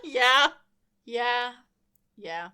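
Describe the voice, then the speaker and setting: A woman's voice: a little high, expressive, very slow, bright, forceful tone, smooth. A young woman hosting a podcast, recapping a comic book casually with frequent laughter and wry asides. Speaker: podcast host.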